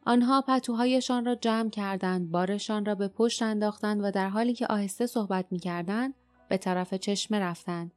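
A woman narrating an audiobook in a steady, even storytelling manner. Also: medium pitch, soft background music. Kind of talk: scripted narration.

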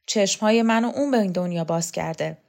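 A woman voicing a hoarse, defiant loyal man. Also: mid-range voice, a little mellow, natural voice. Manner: blunt, defiant. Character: devoted, stubborn man, loyal follower.

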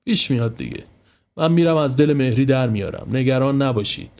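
A male narrator playing an easygoing, sensible middle-aged husband who talks in a reassuring, relaxed way, in a spoken story. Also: medium pitch, close to an everyday voice. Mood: soothing.

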